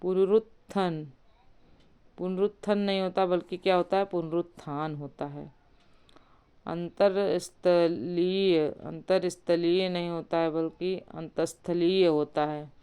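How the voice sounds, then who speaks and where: Slow, clear-voiced woman teaching spelling. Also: on the low side, steady tone, warm tone. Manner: slow, deliberate, spells words out part by part. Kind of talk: spelling lesson.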